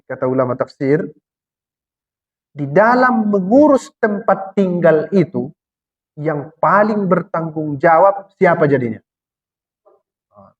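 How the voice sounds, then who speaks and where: A man preaching a Quranic exegesis sermon, putting questions to the congregation and answering them himself, and slowing right down to recite verses. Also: a little high. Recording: dull lo-fi recording.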